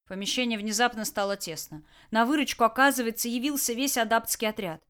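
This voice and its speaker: A woman narrating an action audiobook with a lively, dramatic delivery. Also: fairly high pitch, fast, clean tone. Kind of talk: expressive scripted narration.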